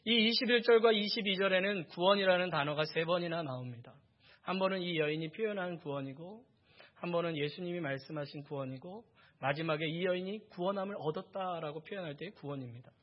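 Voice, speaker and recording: A man's voice: high-pitched, a little fast, highs cut off. A pastor preaching a sermon, asking his congregation rhetorical questions and building emphasis through repeated phrases.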